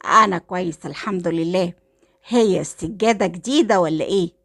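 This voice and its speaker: A woman's voice: fairly low pitch, a little fast, a bit bright. A woman voicing a polite young male suitor with an Egyptian accent, courteous and smiling. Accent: Egyptian Arabic.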